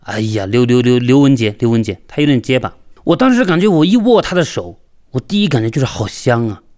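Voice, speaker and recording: Chatty storyteller man from Yunnan. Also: fairly high pitch. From Yunnan, China. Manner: lively, chatty, acts out the dialogue. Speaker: local merchant telling his story. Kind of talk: storytelling interview.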